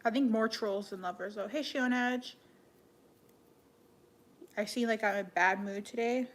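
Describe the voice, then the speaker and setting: A young woman chatting casually on a live stream, answering viewers in an offhand way with many "like" fillers and soft, half-whispered asides. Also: a little high, a little slow. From Canada. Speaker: livestreamer.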